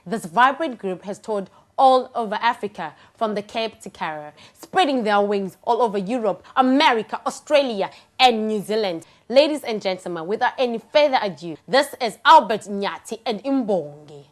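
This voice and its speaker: A woman's voice: medium pitch, animated, moderate pace, few pauses. A woman presenting in a scripted documentary narration style. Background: faint music.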